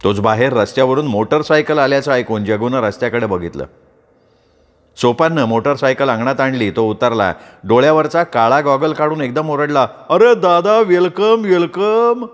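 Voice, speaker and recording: A man narrating an audiobook in a measured, descriptive storytelling manner. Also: medium pitch.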